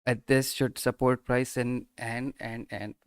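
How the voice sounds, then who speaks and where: Slow, muttering man trading live. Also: medium pitch, flat delivery, clean tone, no echo, studio quality. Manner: mutters and trails off, exclaiming at price moves. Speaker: live stream day trader. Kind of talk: casual live commentary.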